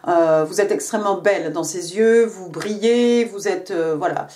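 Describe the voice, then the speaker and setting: Crowd noise surrounds a woman giving a casual tarot reading in a lowish voice at a moderate pace. She talks chattily with many fillers and "hein" tags, and moves into English for the card text.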